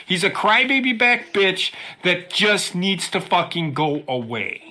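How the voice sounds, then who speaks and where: Woman ranting heatedly with bright lively voice. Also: fairly low pitch, a little slow. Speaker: podcast co-host. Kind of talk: casual chat.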